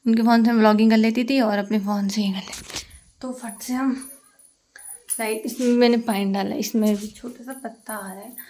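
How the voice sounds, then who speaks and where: A woman's voice: on the high side, steady tone, moderate pace, mellow. Chatty young woman vlogging at home. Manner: chatty, talks to viewers as sisters. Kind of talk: casual home vlog chat. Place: home kitchen. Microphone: phone camera.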